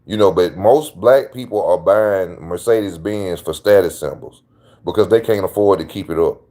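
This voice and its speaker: This is a man with a lowish voice talking straight to his channel's viewers. His commentary is casual and slangy. He drives his points home by repeating them. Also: moderate pace, mellow. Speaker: channel host.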